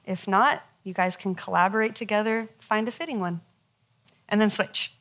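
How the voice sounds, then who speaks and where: A woman leads a counseling workshop in an easy, conversational teaching voice that sits at a middle pitch. She tells stories from her own sessions with animation, laughs often and speaks to her listeners directly. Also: steady tone, moderate pace, fairly bright tone.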